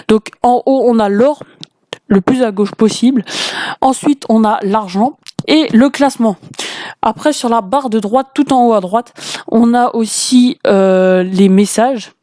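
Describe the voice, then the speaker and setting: A woman's voice: on the high side, measured pace, dark tone, dry recording, clean studio sound. A woman hosting a gaming video, explaining a game step by step in a casual, hesitant way with many fillers. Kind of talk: casual game walkthrough commentary.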